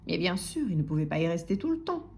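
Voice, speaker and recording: A woman narrating a children's story aloud in an expressive, soft-spoken way, sometimes dropping to a whisper. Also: on the low side, fast talker.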